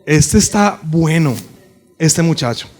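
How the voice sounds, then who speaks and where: A man voicing a flirtatious, scheming married woman who speaks slowly and teasingly. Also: on the high side, animated, darkish tone, soft background music, pitched below the performer's own voice. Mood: sultry flirting. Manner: slow, sultry, drawn-out teasing.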